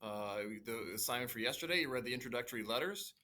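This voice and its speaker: A male teacher talks through a reading assignment in a loose, casual way, scattering "uh" and "kinda" as he goes. His voice is bright and sharp-edged, and his explanations ramble a little. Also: medium pitch, animated, quick pace, a little hiss or hum. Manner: casual, filler-heavy explaining with many "uh" and "kinda". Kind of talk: recorded lesson for students.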